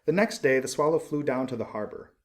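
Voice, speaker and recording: An audiobook reader with a medium-pitched male voice narrates a storybook from a script, expressive and measured in his storytelling.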